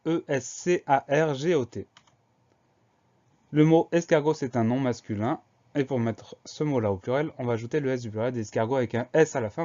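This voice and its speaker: Man, teacher, spelling lesson for kids, patient and repetitive, mid-pitched, dull lo-fi sound. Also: dark tone. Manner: patient, spells words out letter by letter and repeats them. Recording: dull lo-fi recording.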